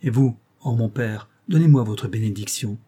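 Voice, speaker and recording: A man voicing a brave young sailor who speaks calmly and curtly, in a husky, warm voice. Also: mid-range voice, moderate pace, natural voice. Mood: calm, firm. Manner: calm, dry and brief.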